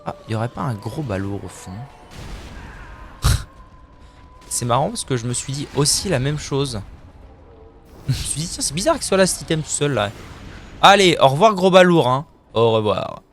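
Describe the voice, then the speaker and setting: A young man keeps up a loose, joking commentary while playing a video game. He teases himself, trails off and restarts, and drops into goofy voices for a laugh. His voice sits at an ordinary middle pitch. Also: very animated, normal speed, long pauses, faint music behind. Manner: joking, self-mocking, chatty with playful silly voices. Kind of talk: casual live-stream commentary.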